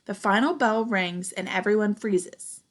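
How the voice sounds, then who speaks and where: Reading a picture book to young listeners, this young adult woman, a teacher, uses her mid-range voice expressively. She pauses now and then to ask them questions and offer comments.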